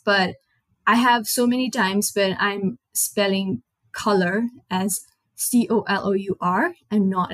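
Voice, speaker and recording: A young woman from Nepal, a native Nepali speaker with a matching accent, hosts a casual solo podcast in English. She talks in a chatty, rambling manner and corrects herself along the way, her mid-range voice recorded dry.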